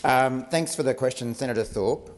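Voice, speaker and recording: A man with an Australian accent giving a formal parliamentary answer in a measured, carefully worded, somewhat hesitant way. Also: mid-range voice. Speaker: government minister. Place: large parliamentary chamber. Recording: echoey chamber with long reverb.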